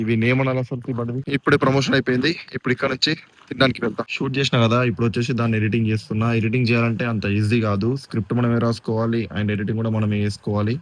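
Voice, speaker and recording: Fast-talking young vlogger man. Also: mid-range voice. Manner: teasing, bossy director to his friend. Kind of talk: casual vlog chat.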